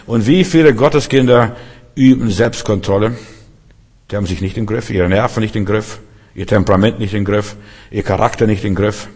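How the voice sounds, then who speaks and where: A man's voice: lowish voice, moderate pace, darkish tone. A man preaching a sermon, emphatic and repetitive, speaking directly to his listeners.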